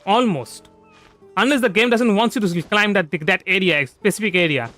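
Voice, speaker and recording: A man with a notably high, bright voice gives casual gameplay commentary on a livestream at a moderate pace. He rambles, looping back to repeat and restart phrases, while soft music plays in the background.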